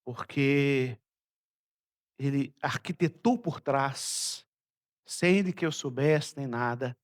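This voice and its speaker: A man from Brazil, a pastor, preaching a sermon and telling a personal story, moving between loud passages and hushed ones. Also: mid-range voice, expressive, takes it slowly.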